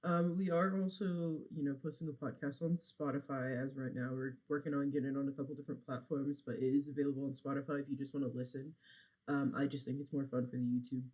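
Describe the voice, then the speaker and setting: A woman's voice: extremely low pitch, steady tone, fast talker, a little mellow, breathy edge, poor audio. A woman in her twenties co-hosting a podcast in casual chat, giggly and playful, often acting grossed out, heard over a video call. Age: 20s. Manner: giggly, playful, exaggerated disgust. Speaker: podcast co-host.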